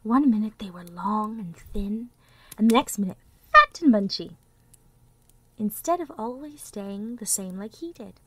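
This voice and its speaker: A woman narrating a children's storybook expressively, with dramatic delivery that often drops toward a hush. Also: mid-range voice, animated, a little slow, a little hiss or hum.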